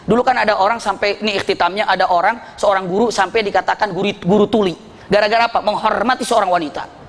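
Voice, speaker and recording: Male preacher telling stories in an echoey hall. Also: sits high. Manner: lively storytelling with humor and quoted voices. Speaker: Islamic preacher. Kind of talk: religious study sermon. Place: mosque study hall. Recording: echoey hall with faint noise.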